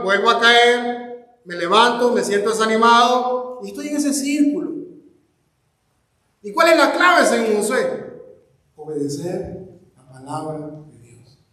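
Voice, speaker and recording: A male pastor with a strikingly high voice delivers an impassioned sermon, talking straight to his congregation and climbing into shouts. He sounds like he is in a large church hall, with echo and a long reverb trailing each phrase. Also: slow pace, long pauses. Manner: impassioned preaching, rises to shouts, addresses the congregation directly.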